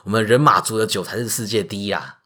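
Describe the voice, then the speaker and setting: A man's voice: lowish voice, fast, pushed and bright. A man with a Taiwanese Mandarin accent voicing a proud, dismissive male centaur. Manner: dismissive, boastful.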